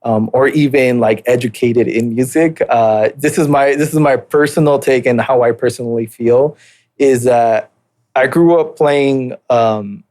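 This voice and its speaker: Unhurried and slightly mellow, his mid-range voice carries a casual interview-style telling of his life story. The speaker is a man in his late twenties, born in Mexico and raised in southern California and Utah, appearing as a podcast guest and talking in a laid-back, hesitant way with frequent fillers and restarts.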